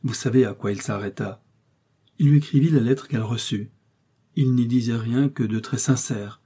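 A man's voice: medium pitch, normal speed, dark tone, slightly rough, lightly acted. A man voicing a loyal old male servant who speaks earnestly and pleads, in an audiobook reading.

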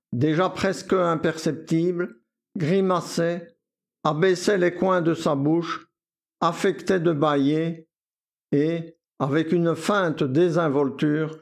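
Guy reading a novel aloud, slow and deliberate, kinda high voice. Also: creaky, a little mellow. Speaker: narrator. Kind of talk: literary audiobook narration.

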